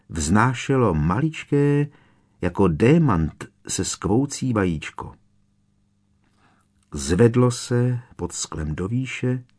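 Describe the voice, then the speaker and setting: A man reading a fantasy novel aloud as an audiobook narrator, in a measured, expressive storytelling manner. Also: on the low side. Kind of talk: scripted narration.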